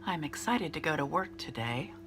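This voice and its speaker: In a very noisy recording, a low-voiced woman in her fifties speaks at normal speed with big pitch swings. A beauty vlogger with a cold, she sounds nasal and congested as she rambles through a casual makeup tutorial with fillers and restarts.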